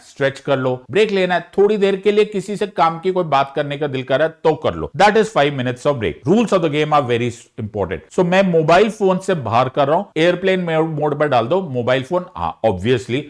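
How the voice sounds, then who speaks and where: A man with a slightly high voice coaches students in an earnest, direct way. He talks to the listener like a friend. His tone is urgent as he hands out study advice. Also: big pitch swings, moderate pace, hardly any pauses. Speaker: exam coach. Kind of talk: motivational study advice in mixed Hindi and English.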